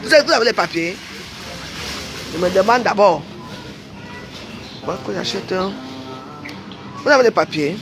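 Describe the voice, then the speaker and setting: A woman's voice: medium pitch, animated, normal speed, long pauses, over music. A woman delivering a confrontational livestream rant, scolding people directly. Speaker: online commentator.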